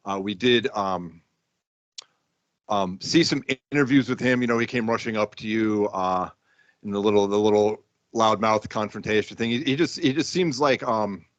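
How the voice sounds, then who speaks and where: A man's voice: fairly low pitch, normal speed, no room sound, muffled recording. A man co-hosting a podcast interview, speaking hesitantly with lots of ums. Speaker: podcast co-host. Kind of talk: casual interview chat.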